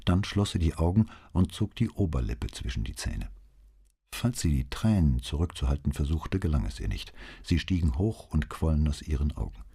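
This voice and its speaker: Very deep, husky male narrator. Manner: even, measured storytelling. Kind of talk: audiobook reading.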